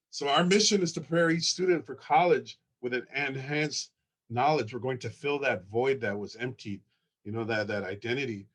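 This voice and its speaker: Man presenting slides, earnest, excited, repeats himself, mid-pitched voice. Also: normal speed. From Ojibwe, from Minnesota. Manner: earnest, excited, repeats words while searching. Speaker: school founder presenting.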